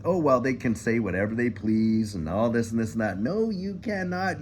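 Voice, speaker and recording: A man's voice: medium pitch, noisy background. An older man from Canada hosting a casual morning coffee chat, folksy and emphatic, often repeating "I'll tell you what". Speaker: commentary channel host. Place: home, living in the US.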